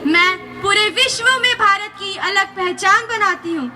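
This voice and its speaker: A woman playing Culture personified, speaking like an orator and reproaching the audience. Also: extremely high pitch. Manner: speechlike, reproachful. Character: dignified female spirit of Culture.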